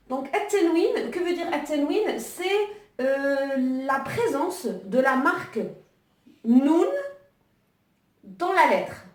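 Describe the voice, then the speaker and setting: Woman, online language teacher, hesitant with fillers, echoey room, distant mic. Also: sits high. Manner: hesitant, many fillers and restarts while writing. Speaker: Arabic teacher.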